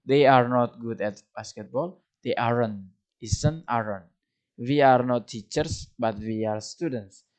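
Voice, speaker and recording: A young man with an Indonesian accent teaching an English grammar lesson, often loud and lively, repeating each point for beginners. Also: mid-range voice, takes it slowly. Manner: animated, swings of loudness, repeats points.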